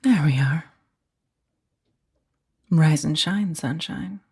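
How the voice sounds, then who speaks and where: Mocking and teasing, a woman plays an imperious mafia boss in a quiet ASMR roleplay, using a full character voice that sits low and moves very slowly. Her taunts drip with false sweetness, breathy and husky, drifting down into whispers.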